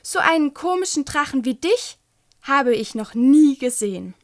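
A woman's voice: sits high, animated, normal speed. Woman reading as small hissing dragon boy.

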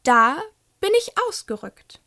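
A woman's voice: a little high, very animated, a little slow, creaky, pushed and bright, full character voice. Woman reading as small hissing dragon boy.

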